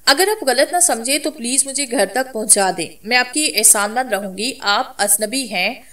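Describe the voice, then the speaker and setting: A woman's voice: fairly high pitch, moderate pace, a bit bright, distant mic, natural voice. Narrator doing a nervous young woman asking for help, polite storybook voice, set a bit back from the mic. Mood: pleading, polite. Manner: polite, anxious pleading. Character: shy, worried young woman in the rain.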